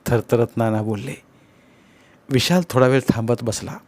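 A man's voice: mid-range voice, fairly even intonation, moderate pace, darkish tone, no echo. Male audiobook narrator, dramatic mystery reading, dry close sound. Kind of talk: novel reading.

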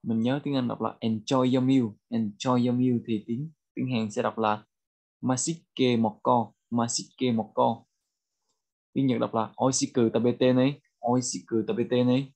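A man with a Vietnamese accent teaching a bilingual vocabulary lesson, repeating each phrase slowly for learners. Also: medium pitch, level tone, a little mellow. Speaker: language teacher.

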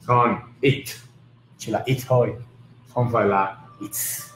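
Man teaching pronunciation in a roomy space. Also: medium pitch. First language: not Vietnamese. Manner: lively, repeats example words slowly and emphatically. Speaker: English teacher. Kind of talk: casual video lesson in Vietnamese with English examples. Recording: roomy with faint background noise.

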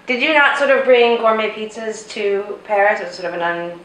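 A woman's voice: mid-range voice, steady tone, normal speed, fairly bright tone, reverberant, poor audio. A woman hosting a casual chat, leading the conversation and filling in her guests' story. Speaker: host.

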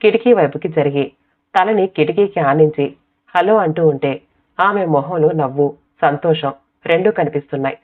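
A woman narrating an audiobook short story in a calm, measured reading voice. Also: low-pitched. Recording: tinny, phone-like sound.

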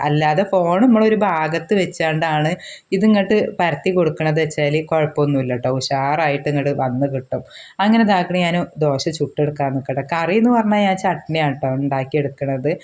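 A woman from the region with a cold and sore throat, chatting casually to viewers while cooking in her home kitchen, filmed on a handheld phone. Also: deep voice. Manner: chatty, warm address to viewers as friends, frequent tag words. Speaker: vlogger, mother.

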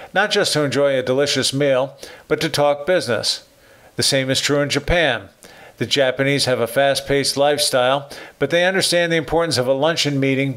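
A man in his sixties with an American accent, reading his own opinion column in a measured, earnest way. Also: medium pitch, fairly bright tone. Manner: measured, earnest commentary delivery. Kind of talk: scripted narration.

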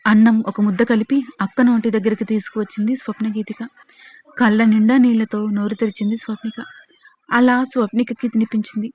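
A woman storyteller reading an audio story in a steady, plain manner, in a dull lo-fi recording. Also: on the high side, a little fast.

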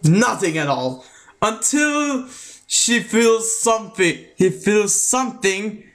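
A man talks through a video review in a loose, casual way, stopping and restarting his sentences as he goes. His voice sits high for a man and he speaks slowly. His vowels drift between American and British. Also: expressive, a bit bright. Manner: halting, restarts sentences often; mixes American and British sounds.

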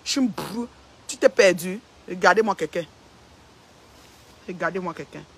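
Woman online commentator, husky edge, confrontational, repetitive livestream tirade. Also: mid-range voice, moderate pace. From Cameroon. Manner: confrontational, repeats phrases for emphasis. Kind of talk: livestream rant.

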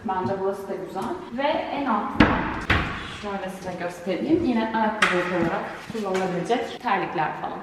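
A woman chatting casually and excitedly as a vlog host showing an empty home, her voice echoing loudly around bare rooms like in a canyon. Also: medium pitch, fairly quick. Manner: excited, bubbly, giggly. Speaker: vlog host giving an empty house tour. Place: empty, echoey apartment rooms. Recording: heavy echo, distant mic, faint noise.

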